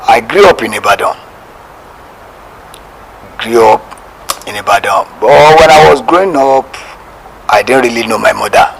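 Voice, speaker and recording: Slow-spoken Nigerian man giving testimony. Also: on the low side, vocal fry, a bit bright, a little hiss or hum, rough recording. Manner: hesitant, with fillers and repetitions. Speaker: interview guest and church apostle. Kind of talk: personal testimony.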